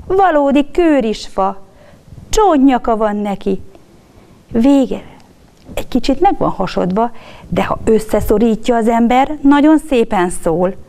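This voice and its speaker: Storybook figure: a woman playing a meek old blind beggar man, soft and shaky, a bit higher and slower than a plain reading. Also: lively intonation. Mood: pleading. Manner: soft, trembling, pleading. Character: poor old blind male beggar, humble and pleading.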